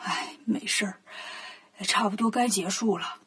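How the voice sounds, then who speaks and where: A woman's voice: on the high side, normal speed, husky. A woman doing a flustered old village man. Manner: homely, flustered.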